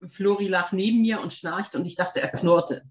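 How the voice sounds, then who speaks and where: A woman chatting casually, telling lively anecdotes with many fillers and asides. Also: lowish voice, normal speed, reverberant, dull audio. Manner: chatty, animated storytelling, frequent fillers. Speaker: podcast guest, dog owner. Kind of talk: casual conversation.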